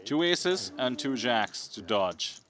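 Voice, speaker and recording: A man calling poker play-by-play from a booth, laying out the cards, odds and outs in a measured way. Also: medium pitch, very animated, very noisy. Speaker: poker commentator. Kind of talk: live tournament play-by-play.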